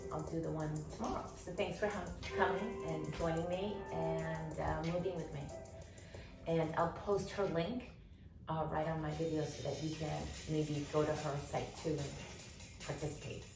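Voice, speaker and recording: A woman with a lowish voice chats casually and quickly to her viewers, dropping in the odd filler. She sounds distant in a roomy space, with clear music playing behind her. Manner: quick, chatty, a few fillers. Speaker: channel host.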